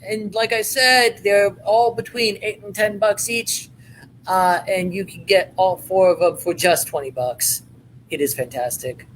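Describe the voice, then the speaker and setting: A man hosting a live-stream sale, giving a playful, hammy home-shopping style sales pitch with chatty patter. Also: fairly even intonation, a little slow, fairly bright tone, a little hiss or hum, low-quality recording.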